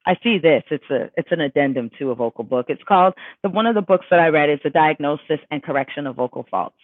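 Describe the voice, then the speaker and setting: Fast and deep-voiced with lively intonation, a woman vocal coach runs a laid-back livestream Q&A, reading questions from viewers and replying in an emphatic, chatty way full of fillers. There's no echo, and the audio is tinny and dry like a phone.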